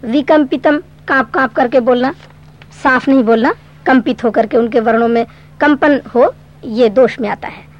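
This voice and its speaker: A woman teaching a Sanskrit grammar lesson, explaining patiently step by step and reciting verse slowly. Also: fairly high pitch. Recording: dull lo-fi recording.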